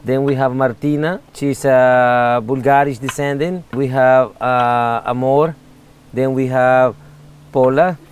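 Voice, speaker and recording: Salvadoran man in his 40s, middle-pitched voice, candid and earnest, faint noise behind him. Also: fairly even intonation. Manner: earnest, candid, halting non-native English. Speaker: interviewee. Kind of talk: casual interview talk.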